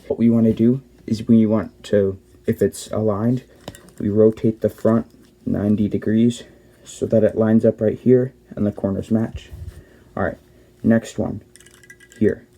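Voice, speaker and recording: A man's voice: lowish voice, dark tone. A young man hosting a casual step-by-step tutorial, explaining plainly and often correcting himself mid-sentence. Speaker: cube tutorial host.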